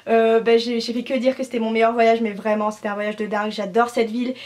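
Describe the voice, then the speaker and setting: A woman's voice: a little high, level tone, fast, darkish tone. A young woman from France in her twenties, chatting to camera in a gushing, slangy way with lots of fillers. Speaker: au pair vlogger. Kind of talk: casual talk to camera.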